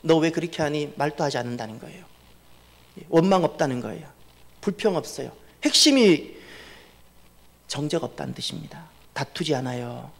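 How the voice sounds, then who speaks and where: A man's voice: medium pitch, huge pitch swings, normal speed, gravelly, long pauses. A male pastor preaching a sermon, pressing points with emphatic repetition and asking the congregation questions. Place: church sanctuary. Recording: long church reverb.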